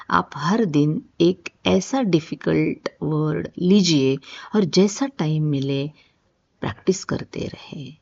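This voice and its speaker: A woman teaching spoken English, repeating words patiently in slow drills. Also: lowish voice, creaky, darkish tone, slightly rough. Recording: dull lo-fi audio.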